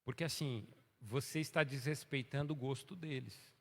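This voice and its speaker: A man preaching a sermon as pastor, animated and folksy, swinging between soft asides and loud exhortation. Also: mid-range voice, normal speed, gravelly. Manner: folksy storytelling, voicing everyday people. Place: church sanctuary. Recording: long church reverb.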